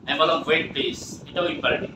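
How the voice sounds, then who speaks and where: A man's voice: fairly high pitch, fairly even intonation. Male teacher in an echoey room. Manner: mixes Bengali explanations with slow, drawn-out English example sentences; often checks understanding with quick questions. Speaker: English teacher. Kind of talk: classroom grammar lesson. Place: classroom. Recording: echoey room from far off, noisy with passing traffic.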